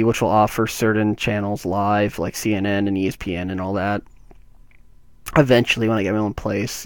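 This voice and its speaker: A man's voice: lowish voice, no room sound. A man from Canada giving casual tech news commentary on his vlog, rambling with many restarts and fillers. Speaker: tech vlogger.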